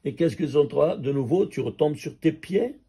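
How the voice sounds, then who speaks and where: This rabbi's voice sits on the high side and sounds husky, and he talks a little fast while teaching an energetic Torah class. He challenges the audience with rhetorical questions and chuckles eagerly over calculations with numbers.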